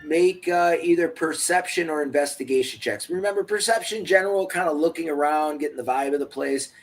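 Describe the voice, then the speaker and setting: A man narrating a tabletop game as game master, casual and halting. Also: a little high. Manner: casual, halting, many fillers. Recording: faint background music.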